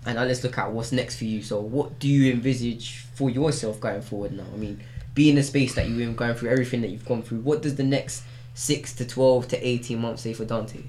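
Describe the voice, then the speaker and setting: A man's voice: medium pitch, steady tone, fairly quick, darkish tone, a little hiss or hum. A man with an urban London street accent, hosting a casual podcast interview and mixing slang with reflective phrasing. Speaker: podcast host.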